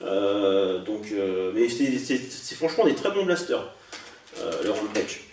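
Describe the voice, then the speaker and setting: A man casually showing off a haul of toy blasters, chatty and hesitant, often pausing and correcting himself. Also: on the low side, sing-song, a little mellow, distant mic, slight background noise. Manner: chatty, hesitant, many fillers and self-corrections. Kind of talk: casual unboxing vlog. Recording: echoey room, voice off-mic.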